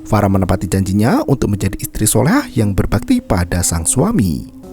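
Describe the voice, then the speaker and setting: A man's voice: on the low side, huge pitch swings, brisk, over music. A man narrating a film recap as scripted, dramatic storytelling.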